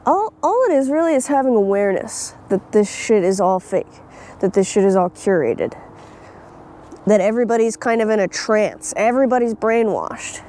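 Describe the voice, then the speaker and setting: A woman's voice: medium pitch, big pitch swings, moderate pace, warm tone, slight background noise. A young woman vlogging outdoors, talking bluntly and swearing freely, with frequent laughs. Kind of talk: casual opinion vlog. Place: outdoors in nature.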